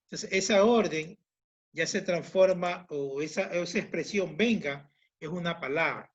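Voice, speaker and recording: High-voiced male teacher, lo-fi sound. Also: normal speed. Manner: patient, explanatory, repeats points with examples. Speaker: language teacher. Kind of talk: online class lecture.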